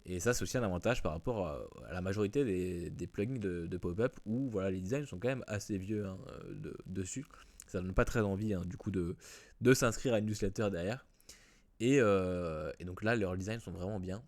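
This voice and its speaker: A man walks through a software tutorial in a casual way, with many fillers and restarts. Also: low voice, fairly quick. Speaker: WordPress tutorial host. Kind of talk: screen-recorded software tutorial.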